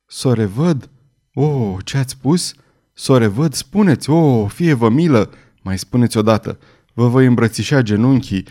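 A frantic young mother in an audiobook, as a male narrator puts her on, her voice pitched well above a man's. She is fierce and desperate and swings between shrill cries and pleading. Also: lively intonation, darkish tone.

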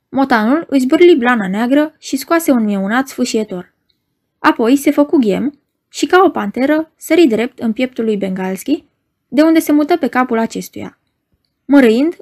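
A woman reads a novel aloud in a measured, expressive narration. Her voice sits a little high, and she paces the story steadily as an audiobook reader.

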